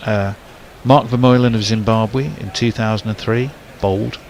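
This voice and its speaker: A man's voice: lowish voice, fairly even intonation, moderate pace, slight background noise. A man doing casual ball-by-ball cricket commentary, rambling with fillers and restarts.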